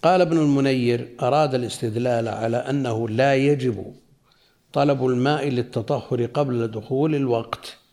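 Male religious teacher, warm low-key voice, measured reading with everyday explanations. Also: gravelly. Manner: slow, deliberate reading with spoken asides. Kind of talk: reading and explaining a classical text.

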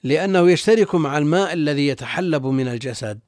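A man's voice: a little high, animated, fast talker, a little mellow, no echo, clean studio sound. A male religious scholar reading and explaining texts in formal classical Arabic, repeating phrases as he goes. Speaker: religious scholar, guest teacher.

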